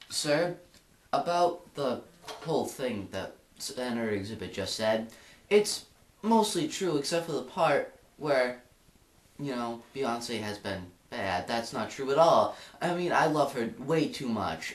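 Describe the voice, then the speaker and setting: A man's voice: mid-range voice, lively intonation, unhurried, natural voice. A man playing an earnest young gang leader in a homemade comedy skit, hesitant and rambling. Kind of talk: amateur comedy skit acting. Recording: echoey room.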